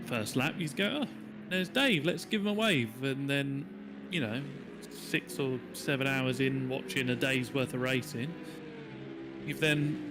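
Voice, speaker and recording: A man's voice: medium pitch, background noise. A man commentating a live sim race, chatty and joking as he reads out lap times.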